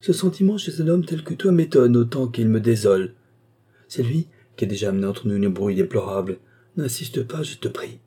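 A man's voice: medium pitch, animated, a little fast, dark tone, husky. A man reading an audiobook, voicing a frail, stubborn and emotional old marquis in a raised voice. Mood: insistent. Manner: insistent, emotional.

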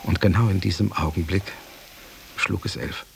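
A male voice, low and creaky, narrates a solemn literary radio play as a sober companion telling of his master's death. The mood is grave and restrained, the delivery measured with hushed phrase endings, and faint noise sits behind it.

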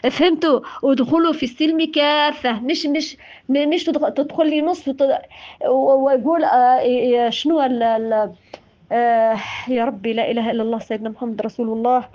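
A woman's voice: high-pitched, steady tone, fairly quick, a little mellow, dull audio. A woman with a Tunisian accent giving an informal religious talk, impassioned and scolding, often repeating her words. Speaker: religious speaker.

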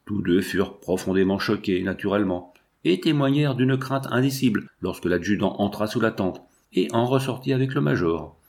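A man reading a novel aloud as an audiobook, in steady, measured narration. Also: on the low side, creaky. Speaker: audiobook reader. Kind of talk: literary narration.

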